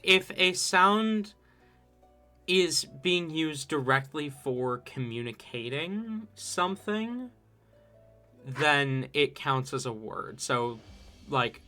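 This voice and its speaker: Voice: mid-range voice, lively intonation, takes it slowly, bright, forceful tone, soft background music. A game master on a live tabletop stream, patiently explaining rulings with hesitant restarts. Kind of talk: rules ruling in casual live game chat.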